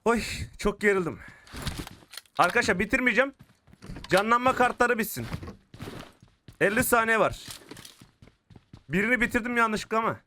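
A young man commentating his mobile shooter game, getting frustrated and shouting at opponents. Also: high-pitched, moderate pace, long pauses, slight background noise. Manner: excitable, frustrated outbursts while playing. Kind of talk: live gameplay commentary. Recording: clear game gunfire behind the voice. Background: shooter game gunfire and clicks.

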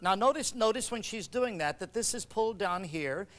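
A man leading a choral workshop, coaching singers with quick commands and questions. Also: high voice, lively intonation, loud music behind the voice. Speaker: choral conductor teaching a workshop. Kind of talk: instructional workshop talk.

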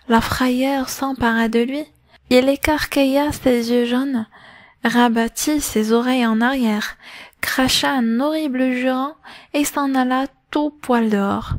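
A woman narrating a novel as an audiobook, reading in a slow, even storytelling manner. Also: sits high, dry recording, studio quality.

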